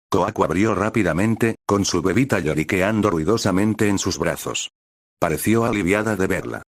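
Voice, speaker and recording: A man narrating fan fiction aloud in a steady storytelling manner. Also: low-pitched, no echo, clean studio sound.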